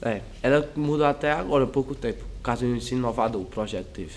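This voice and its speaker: A teenage male high school student, giving rambling, hesitant interview answers. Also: quick pace, slight background noise. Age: teens.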